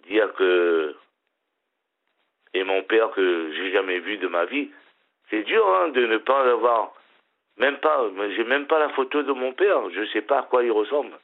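A middle-aged man calling in to a radio show, talking haltingly with a smile in his voice and repeating his words. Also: on the low side. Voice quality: smiling voice. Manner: hesitant, repeats and restarts words. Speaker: caller. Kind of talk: casual phone-in chat. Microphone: telephone. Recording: tinny phone line.

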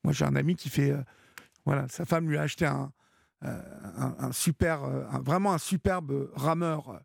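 A man's voice: a little high, steady tone, normal speed, gravelly, breathy edge, no echo, studio quality. A man hosting a late-night call-in radio show, talking in a hesitant, encouraging way with many fillers. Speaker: radio host.

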